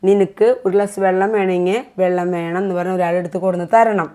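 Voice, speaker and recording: A middle-aged woman talks quickly in an everyday family vlog. She sounds like a mother lecturing with earnest insistence, and she comes back to the same points again and again. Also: fairly low pitch, steady tone, dark tone. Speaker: mother vlogger. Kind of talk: casual family vlog conversation.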